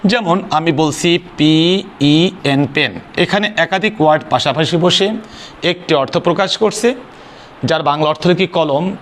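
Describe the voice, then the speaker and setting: A man gives an English grammar lesson in a somewhat raised voice, asking questions and answering them himself. He spells words out letter by letter and slips English phrases into his explanations. A faint noise sits under the recording. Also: fairly high pitch. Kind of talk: spoken classroom lesson.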